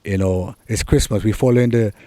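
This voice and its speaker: A middle-aged soca artist from Trinidad and Tobago, speaking with a Trinidadian accent, answers interview questions earnestly and encouragingly, repeating key points. His warm voice sits on the low side and runs a little fast, with no room sound.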